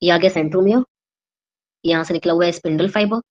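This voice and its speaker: A woman's voice: lowish voice, fast, a little mellow, lo-fi sound. A young Indian woman teaching a biology exam-prep lesson, explaining step by step and checking in with her students after each point. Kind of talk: exam-prep lesson, mixing Hindi and English.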